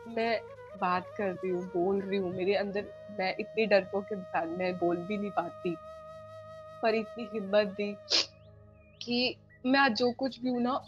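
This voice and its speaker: A young woman from India, a guest on a podcast, retelling a personal story with feeling, acting out the lines of each person and repeating phrases. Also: high-pitched. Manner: animated retelling, acts out dialogue, repeats phrases. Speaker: guest devotee. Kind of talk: emotional storytelling in a podcast interview. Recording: dull lo-fi sound with faint music.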